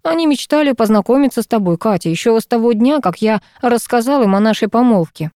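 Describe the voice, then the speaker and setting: A coaxing young footballer begging his ex for a favour, read by a woman in her own mellow voice. The delivery is dry and close, with little room sound, like an audiobook. He pleads softly and persistently. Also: a little high, expressive, fast, no echo, pitched above the performer's own voice, natural voice. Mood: pleading.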